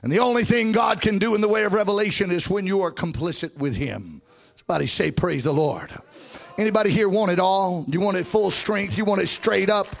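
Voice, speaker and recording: High-pitched, gravelly Southern-style revival preacher man. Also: brisk, hardly any pauses. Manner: swings between conversational asides and shouted, half-sung proclamation. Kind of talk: fervent revival-style sermon with call-and-response.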